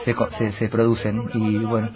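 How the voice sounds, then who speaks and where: A man's voice: on the low side, completely flat delivery, moderate pace. A man, hosting a radio show and rambling through a comic monologue full of fillers and asides.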